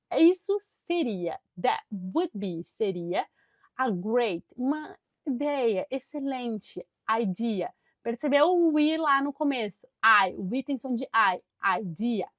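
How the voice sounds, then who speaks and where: A woman with a Brazilian Portuguese accent giving a conversational English lesson. She explains chattily and repeats English phrases slowly and deliberately. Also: on the high side, dry recording. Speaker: English teacher.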